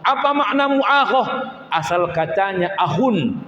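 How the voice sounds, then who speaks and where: Humorous male preacher, high voice, long hall reverb. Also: a little slow. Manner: animated, acts out dialogues in playful voices. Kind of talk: humorous sermon. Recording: echoey hall, slightly muffled.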